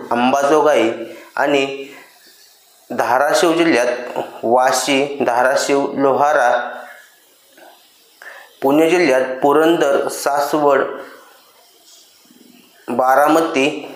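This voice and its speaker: Man reading a government order, echoey. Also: medium pitch. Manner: formal, steady reading voice, addresses listeners as friends often. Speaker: YouTube channel host. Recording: roomy echo.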